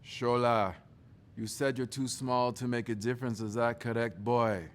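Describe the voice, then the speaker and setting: A man voicing his stern African father, talking slowly and commandingly. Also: mid-range voice, level tone, close to an everyday voice. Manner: commanding, drawn-out proverb-giving.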